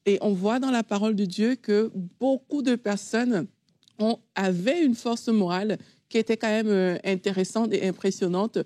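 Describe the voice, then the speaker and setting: Mellow-voiced woman explaining faith. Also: medium pitch, moderate pace, no room sound, clean studio sound. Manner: calm, explanatory, with fillers. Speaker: co-host.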